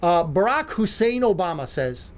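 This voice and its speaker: A man with a notably high voice hosts a talk-radio show. He comments with sarcasm and mocking asides. He rambles with fillers and restarts. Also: very animated, moderate pace.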